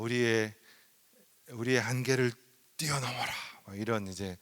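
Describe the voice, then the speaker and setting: A middle-aged man preaching a seminar sermon as pastor, dropping to whispers and rising to loud, raised passages. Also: lowish voice, smooth. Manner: dramatic swings from whispers to loud raised passages, sings hymn lines.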